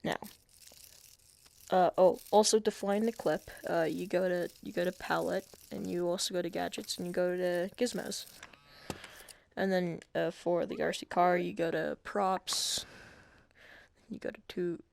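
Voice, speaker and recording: A man's voice: high voice, fairly even intonation, measured pace, creaky. A man talking through a casual screen-recorded game tutorial, hesitant and self-deprecating, with many fillers and restarts.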